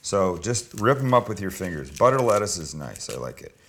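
A man's voice: sits low, sing-song, fairly quick. A man talking viewers through a dish like a cooking show host, chatty, informal and opinionated. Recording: clear background noise with kitchen clatter.

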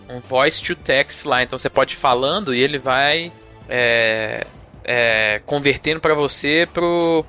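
A Brazilian man co-hosting a gaming podcast, chatting in relaxed slang with halting restarts. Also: medium pitch. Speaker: podcast co-host. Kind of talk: casual chat about video games.

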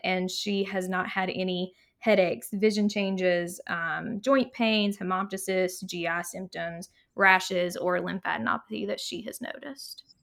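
A woman presenting a patient case in a relaxed, measured way, listing findings. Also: lowish voice, creaky. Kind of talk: medical case discussion.

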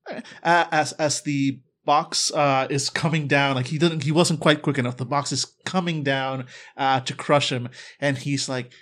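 A man playing a tabletop game, improvising narration in a casual, halting way and often correcting himself. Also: medium pitch, steady tone, a bit bright.

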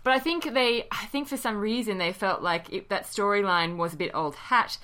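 A woman's voice: mid-range voice, normal speed, pushed and bright. A woman co-hosting a podcast, chatty and wry, often hedging with "you know" and laughing. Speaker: podcast co-host. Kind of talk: casual podcast chat.

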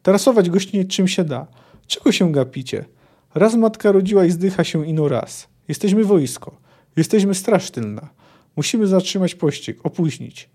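A desperate, wounded soldier barking hoarse orders at his men, as a man reads him aloud. The voice is raised and mellow. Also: high voice, expressive, moderate pace, pitched above the performer's own voice. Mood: commanding. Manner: hoarse commanding shouts. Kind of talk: book reading aloud.

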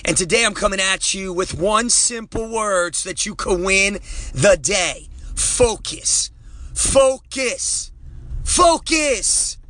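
A man's voice: high voice, measured pace, bright, forceful tone, no echo. A man hosting a motivational show, talking with energy and casual slang as he urges listeners on. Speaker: motivational coach and show host. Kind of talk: upbeat motivational talk. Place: in a vehicle.

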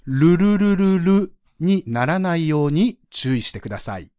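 A man's voice: on the high side, big pitch swings, a little slow, warm tone, dry recording, clean studio sound. A man teaching French pronunciation on a podcast, patiently demonstrating sounds for listeners to repeat.

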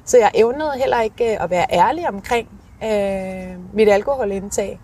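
Woman, bit husky, candid interview chat, hesitant and repeats words, swears casually. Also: mid-range voice, mellow. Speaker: interview guest telling of own alcoholism. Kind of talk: candid personal interview storytelling.

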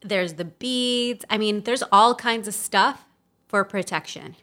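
A woman's voice: mid-range voice, takes it slowly, sharp tone. A woman co-hosting a casual chat, explaining things and asking follow-up questions. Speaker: podcast co-host.

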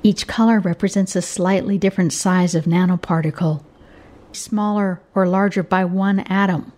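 A woman's voice: lowish voice, steady tone, normal speed, a little mellow, faint music behind. A woman with an American accent reading scripted narration as a science radio host and reporter.

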